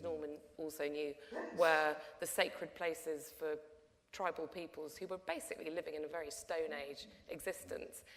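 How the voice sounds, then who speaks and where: Speaking in a lowish voice, a documentary producer on a panel shares an anecdote with chatty storytelling and frequent restarts. She addresses an audience in a lecture hall, where long hall reverb trails her words.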